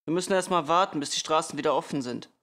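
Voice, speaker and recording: Male reader doing a steady, grim audiobook father, low-key and gravelly. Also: a little fast, natural voice. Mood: exasperated. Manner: quiet, calm, turning sharp when exasperated. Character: calm weary father, middle-aged man.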